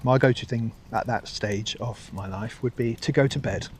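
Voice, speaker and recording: A man's voice: mid-range voice, normal speed, noisy background. A man talking in a casual vlog monologue while out walking a dog, rambling with restarts and frequent swearing. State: hot and a little weary while walking. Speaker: vlogger.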